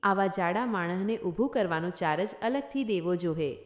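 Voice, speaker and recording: A woman's voice: on the low side, lively intonation, moderate pace, natural voice. A woman voicing a cheeky working-class male porter who haggles in a blunt rustic dialect. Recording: echoey room.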